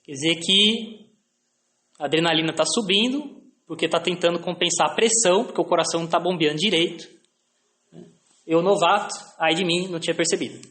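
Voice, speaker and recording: High-voiced Brazilian man telling stories. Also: fairly quick, sharp tone, roomy sound. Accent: Brazilian Portuguese. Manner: anecdotal, frequent tag questions, self-deprecating. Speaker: lecturer.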